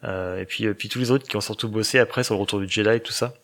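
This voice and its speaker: Gravelly French man chatting casually. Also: on the low side, steady tone, racing, a bit bright. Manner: hesitant, many fillers and restarts. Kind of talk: casual chat.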